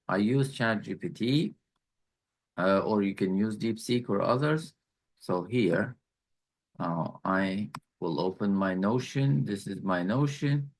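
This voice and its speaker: A man teaching an online class, slowly walking students through challenges and repeating key points. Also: lowish voice. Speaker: instructor.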